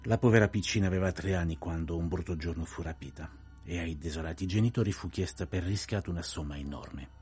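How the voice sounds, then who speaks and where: An actor playing a precise, courteous older detective in a radio play, telling events in a measured, grave way. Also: male voice, low-pitched, darkish tone, lightly acted.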